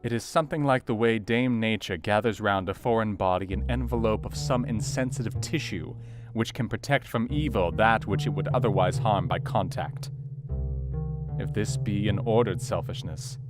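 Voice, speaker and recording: An actor playing an earnest, educated Victorian doctor, narrating his diary in a measured, formal way for an audio drama. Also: on the low side, lightly acted. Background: soft guitar music.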